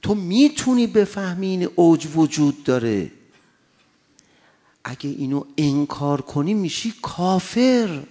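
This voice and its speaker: A man preaching a sermon, passionate, moving between loud urging and quiet storytelling. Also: high-pitched, big pitch swings. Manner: impassioned, swings from loud exhortation to quiet anecdote. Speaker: cleric.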